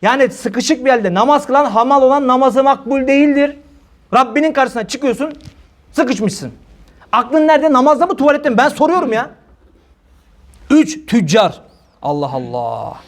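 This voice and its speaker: Man preaching, high voice, joking storyteller, mimics people, speaks to a congregation in a hall. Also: animated, normal speed. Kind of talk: humorous religious talk to a congregation.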